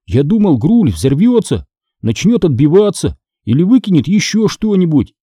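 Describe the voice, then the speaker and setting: A man's voice: fairly high pitch, big pitch swings, moderate pace, warm tone, husky, no echo, studio quality, pitched above the performer's own voice. A man voicing a timid little boy who sulks and grumbles sheepishly.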